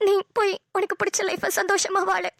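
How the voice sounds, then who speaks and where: [name], a woman doing a hushed anxious young woman. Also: extremely high pitch, little pitch movement, a little fast, vocal fry, heavy background noise, voice pushed down. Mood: tender. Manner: hushed, tense self-talk. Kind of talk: cartoon voice dubbing.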